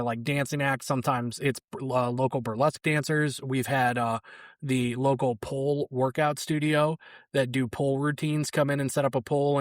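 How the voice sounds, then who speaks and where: A man's voice: mid-range voice, dry recording, studio quality. A young adult man, a guest comedian, telling loose, rambling stories with plenty of fillers. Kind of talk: casual anecdotal storytelling.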